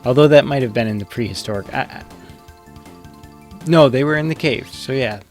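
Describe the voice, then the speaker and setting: A man's voice: mid-range voice, a little fast, faint music behind. A man giving casual, rambling live commentary as he plays a video game, thinking aloud.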